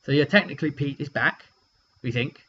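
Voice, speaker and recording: This game master's voice is on the high side, brisk, bright and forceful as he retells a roleplaying session. His telling is casual and wandering, wry in tone, and sprinkled with quick acted-out quotes. A hum runs through the dull, lo-fi recording.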